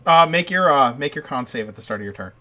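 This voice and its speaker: A man narrating as game master of a tabletop game in a casual, halting, improvised way. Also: medium pitch, expressive, pushed and bright.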